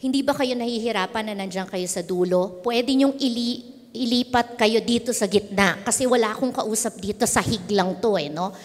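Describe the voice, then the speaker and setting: Woman, Filipino accent, youth pastor, playful interactive sermon, high voice, long hall reverb. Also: moderate pace. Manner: playful, teasing, quizzes the audience.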